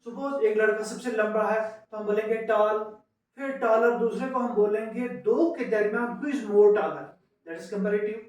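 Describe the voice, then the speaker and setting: A man with a high-pitched voice gives an unhurried grammar lesson, spelling out word endings letter by letter. He is recorded from well away from the mic, in a very echoey room. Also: a little mellow, far from the mic. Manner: explains slowly, spelling words out letter by letter; mixes English terms into his explanations. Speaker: English grammar teacher. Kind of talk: classroom lecture.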